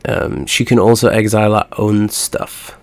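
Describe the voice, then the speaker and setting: A man with a nasal, stuffed-up voice from a cold, hosting a relaxed gaming video with easygoing, rambling chatter. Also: fairly low pitch, normal speed, dry recording. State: congested, stuffy nose from a cold. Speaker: host. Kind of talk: casual gaming commentary.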